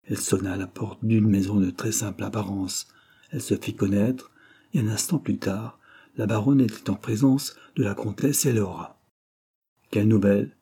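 Low, mellow male audiobook narrator. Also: steady tone, slightly rough. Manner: measured literary narration. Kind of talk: audiobook reading.

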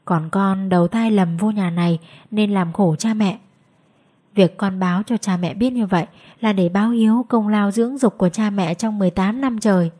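The ghost of a devoted young son in a spoken ghost story, tender and earnest, comforting his parents, as a woman reads him. The voice is husky and close to the reader's own. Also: mid-range voice, moderate pace, dark tone, close to an everyday voice.

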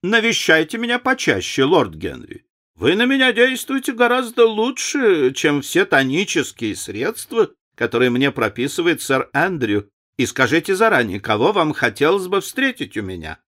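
A man reading aloud does a fussy old society lady in a storybook, her voice pitched high and swooping all over as she gushes and presses her point. She is chatty and emphatic, an aristocratic matchmaker at a dinner table. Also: very animated, normal speed, pushed and bright. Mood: gushing. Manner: gushing, emphatic.

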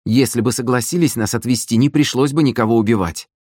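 A man voicing a sly, cruel young woman in an audiobook, speaking in a high, petulant, mocking voice. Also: very animated, normal speed, darkish tone, no echo, clean studio sound. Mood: sulky. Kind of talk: audiobook character voice.

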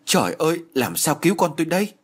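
A man voicing a frantic peasant mother who cries out in a high, panicked voice. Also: animated, fairly quick, fairly bright tone, husky. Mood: wailing.

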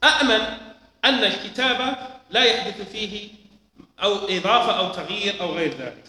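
A man teaching a lesson, explaining slowly and deliberately, repeating key points. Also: sits high, sharp tone. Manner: slow, deliberate explaining with repetitions. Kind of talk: lecture on hadith transmission. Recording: echoey hall with long reverb.

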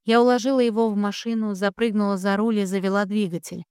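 A woman reading a first-person romance novel aloud as narrator, in steady, even storytelling. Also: medium pitch, fast, smooth, no room sound, studio quality.

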